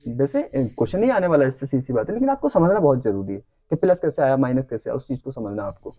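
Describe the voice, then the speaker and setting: A man's voice: medium pitch, sing-song, fast talker, no room sound, phone-quality sound. A man teaching a lecture who keeps asking the class whether they follow. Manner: checks understanding with repeated questions.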